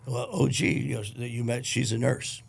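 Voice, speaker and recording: Gravelly middle-aged man from Detroit, blunt, profane podcast guest, faint hiss behind. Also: mid-range voice, moderate pace. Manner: blunt, profane, animated retelling with quoted dialogue. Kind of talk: casual storytelling.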